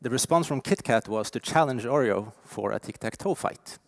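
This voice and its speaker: A man in his forties from Norway with a Norwegian accent, giving a lively, emphatic conference keynote with frequent fillers. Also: medium pitch, moderate pace, dry recording, clean studio sound. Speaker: keynote speaker. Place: conference stage.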